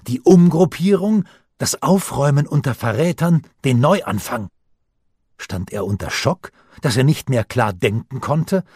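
A man reading a novel aloud in a measured, composed, low manner. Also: darkish tone, husky, no room sound, studio quality. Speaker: audiobook narrator. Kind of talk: scripted narration of a novel.

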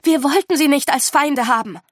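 A woman's voice: fairly high pitch, expressive, moderate pace, slightly rough, no room sound, clean studio sound. A woman voicing an earnest, stubborn teenage girl who talks in a pleading, insistent way.

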